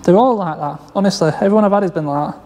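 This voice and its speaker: A man's voice: high voice, rapid-fire, big-room sound, background noise. A man rambling through a casual walkaround of a damaged car in a large workshop garage, with many fillers and restarts. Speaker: car salvage vlogger.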